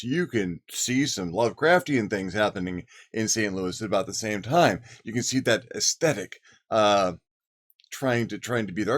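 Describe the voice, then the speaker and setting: A man hosting a casual, rambling monologue about game ideas, with many fillers and restarts. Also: fairly low pitch. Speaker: host. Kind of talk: casual monologue on tabletop gaming.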